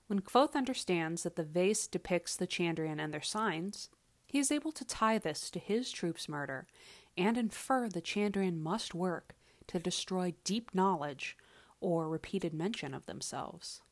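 A woman presents a solo podcast in a slightly low voice. Her delivery is measured and deliberate, with pauses for effect. The recording has an echo, as if made away from a proper studio setup. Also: lively intonation. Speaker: podcast host. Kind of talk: podcast monologue, book commentary. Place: away from usual podcast setup, echoey room. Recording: echoey makeshift recording space.

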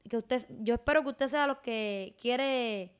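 A woman's voice: fairly high pitch, unhurried, clean tone. A woman co-hosting an educational podcast. She explains patiently and often acts out people's everyday doubts. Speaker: podcast co-host. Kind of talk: casual educational chat.

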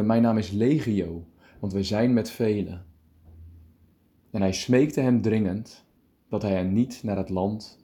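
A male preacher giving a calm radio meditation, reading scripture deliberately and explaining it. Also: lowish voice.

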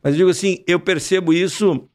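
A man with a gaúcho Rio Grande do Sul accent, hosting a casual podcast interview in a relaxed, chatty way with regional interjections. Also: high voice, fairly quick. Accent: Rio Grande do Sul gaúcho Portuguese. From Uruguaiana, southern Brazil. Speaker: podcast host.

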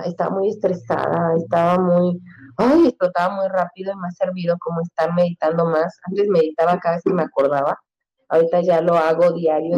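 A woman's voice: lowish voice, highs cut off. A woman, a guest in a casual conversation, talking freely with many fillers and acting out quotes in a raised voice. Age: 30s.

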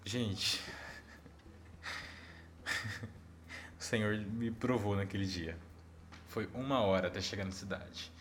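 A man with a Brazilian accent, a missionary, telling a personal story in a casual, animated way and talking straight to his audience. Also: on the low side, slow, long pauses, slight background noise.

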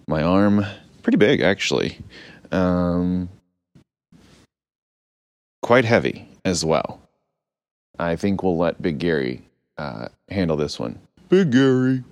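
A man's voice: sits low, darkish tone, no room sound. A man narrating an improvised audio adventure as a captain, playful with rambling asides.

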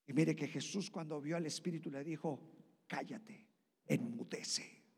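A male pastor preaching a sermon, leaping into loud high bursts and then dropping to a hush. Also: fairly even intonation, brisk, slightly rough. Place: church hall. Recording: long church reverb.

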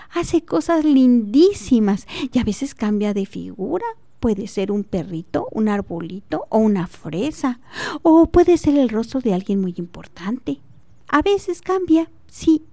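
A woman voicing a sweet, stubborn young girl who is selling a cloud, speaking high and innocent. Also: expressive, slow, warm tone, no echo, full character voice. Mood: childlike.

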